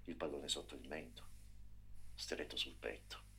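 A man reading a story aloud in an expressive, dramatic way, sometimes dropping to a hush. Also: extremely low pitch, unhurried, a little hiss or hum. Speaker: narrator. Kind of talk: storybook narration.

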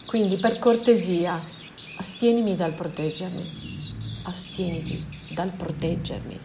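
Sullen proud male gorilla, read by a woman, clipped replies in a mid-pitched storytelling voice, faint birdsong behind. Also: animated, moderate pace, background noise, close to an everyday voice. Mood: curt.

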